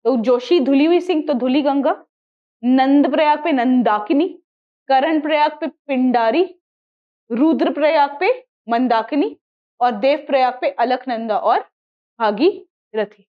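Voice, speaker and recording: High-voiced woman teacher with Indian accent. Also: measured pace, dull audio. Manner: repetitive, drills mnemonics, asks students questions. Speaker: geography teacher for exam prep. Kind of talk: classroom lecture mixing Hindi and English.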